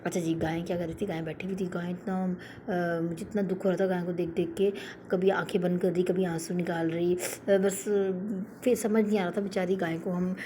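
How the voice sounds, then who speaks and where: Chatty woman with a mellow low voice. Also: flat delivery, moderate pace, a little hiss or hum. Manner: chatty, storytelling with many fillers. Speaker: vlogger. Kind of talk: casual vlog voice-over narration.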